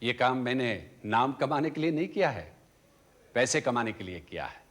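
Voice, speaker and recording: A man's voice: mid-range voice, very animated, normal speed, natural voice. An actor playing a cheerful, money-minded man who sold his kidney, gushing in welcome and then blunt about money, in a TV serial. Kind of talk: TV serial acting.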